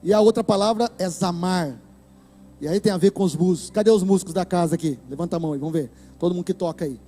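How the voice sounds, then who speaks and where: A man with a Brazilian Portuguese accent preaching a sermon to a church, impassioned and breaking into shouts. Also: high-pitched, fast talker, faint music behind. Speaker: pastor. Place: church hall.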